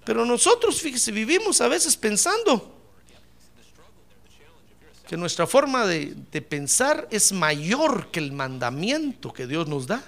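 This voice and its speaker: A man's voice: high voice, huge pitch swings, slow pace, vocal fry, fairly bright tone. A man preaching a fervent, emphatic sermon, telling a testimony and calling the listener "brother".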